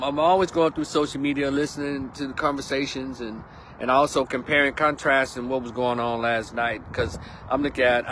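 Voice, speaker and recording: A man's voice: medium pitch, fairly bright tone, slight background noise. Laid-back Texan man in his fifties. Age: 50s. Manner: chatty and rambling, laid-back slang. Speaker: vlog host. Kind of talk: casual monologue. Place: outdoors on a windy day.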